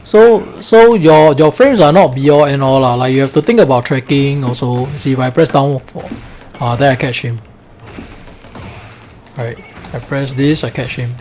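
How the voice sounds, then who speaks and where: A man's voice: medium pitch, normal speed, a little mellow, a little hiss or hum. A man with a Singlish accent, coaching a fighting game in a casual, colloquial way and often checking with "right?".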